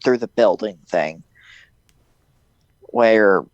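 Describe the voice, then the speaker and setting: A man casually chatting about a movie, animated and jokey, acting out lines in high voices. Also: very slow, dry recording, dull audio. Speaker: podcast host.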